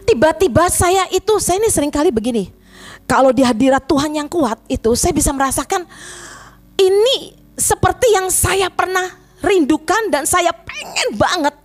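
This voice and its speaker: A woman pastor preaching an animated sermon, often turning to the congregation as she speaks. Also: extremely high pitch, moderate pace. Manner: animated, addresses congregation as "saudara", emotional retelling of prayer. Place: church.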